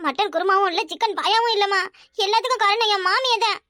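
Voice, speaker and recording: A woman's voice: very high voice, quick pace, bright, forceful tone, no echo, clean studio sound. A woman voicing an anxious, timid young pregnant daughter in a cartoon, speaking with a Kanyakumari Tamil accent and a whiny, fearful manner. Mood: fretful.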